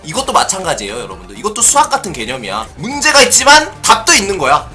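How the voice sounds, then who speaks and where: High, lively voiced man gaming. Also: fast, over music. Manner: playful, shouts excitedly while racing. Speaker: gaming streamer. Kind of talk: let's-play commentary.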